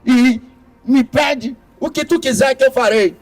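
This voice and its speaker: A man's voice: extremely high pitch, unhurried. A man voicing a humble devoted wife.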